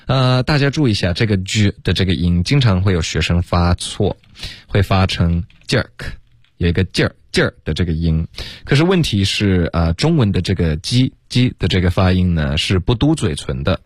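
Man, very low voice, dry close studio sound, patient radio English teacher, switches between Chinese and English. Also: animated, normal speed, no room sound. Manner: mixes Chinese with fluent English, laughs easily, explains pronunciation patiently. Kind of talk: casual radio English lesson.

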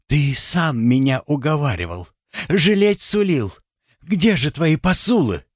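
A man's voice: a little high, very animated, unhurried, no room sound, studio quality, voice pushed up. A man reading an audiobook, voicing a timid young peasant wife who pleads with her husband. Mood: pleading.

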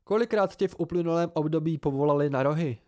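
A man's voice: fairly high pitch, darkish tone, voice pushed up, natural voice. A man reading an amateur audiobook, voicing a dry-witted seasoned man who lectures his younger friends wryly. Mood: lecturing.

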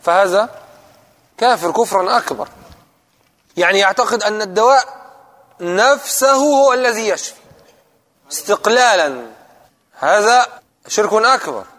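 A man gives a religious lesson in a high-pitched voice, posing questions to his listeners and repeating the key points. The sound has a long reverb, as if recorded in a large hall. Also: animated, moderate pace, long pauses, fairly bright tone. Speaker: preacher.

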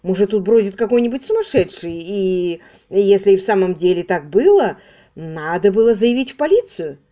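A woman's voice: medium pitch, lively intonation, normal speed, warm tone, lightly acted. A woman voicing a fussy, effusive man who gushes over everyone in an audiobook. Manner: effusive, gushing.

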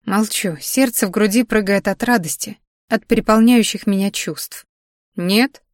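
A woman's voice: mid-range voice, moderate pace, dry recording, clean studio sound. A woman reading a first-person romance novel aloud, intimate and emotional in tone. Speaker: audiobook narrator.

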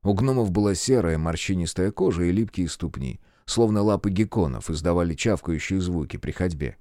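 Animated male audiobook narrator. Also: low-pitched, brisk, dry recording, studio quality. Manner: animated storytelling. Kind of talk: expressive first-person story narration.

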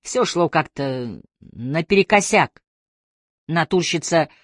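A woman's voice: low-pitched, animated, takes it slowly, no echo, studio quality, exaggerated voice. Woman reading a frustrated frank painter.

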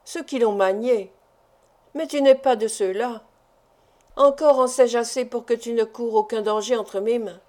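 A grown man, a doctor and husband, anxious and suspicious, keeps pressing his wife with questions, as a woman reads him. The voice sits fairly high and sounds soft and mellow. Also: a little slow, natural voice. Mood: insistent.

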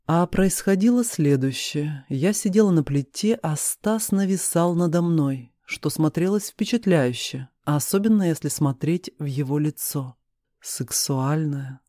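Audiobook narrator, first-person romance reading, mellow dark tone, dry close sound. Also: medium pitch, no room sound.

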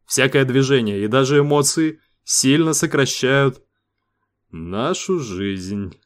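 A man's voice: medium pitch, expressive, slow pace, pitched above the performer's own voice. A man voicing a bitter, indifferent male crew member who talks in a dry, sarcastic way. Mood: sardonic.

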